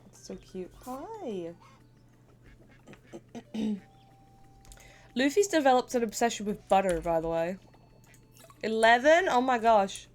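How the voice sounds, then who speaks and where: A woman's voice: fairly high pitch, animated, a little slow, pauses often. A woman streamer chatting casually and playfully while gaming, laughing often and sniffly with a stuffy cold.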